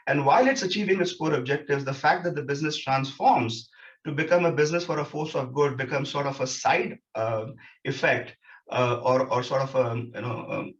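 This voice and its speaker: A man's voice: mid-range voice, moderate pace, muffled recording. A man giving a reflective academic conference talk, building his points in lists. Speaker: researcher presenting.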